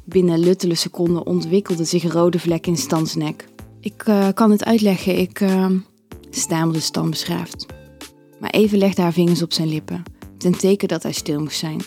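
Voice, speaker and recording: A woman narrating an erotic audio story in a calm, even storytelling manner. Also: fairly low pitch, moderate pace, faint music behind.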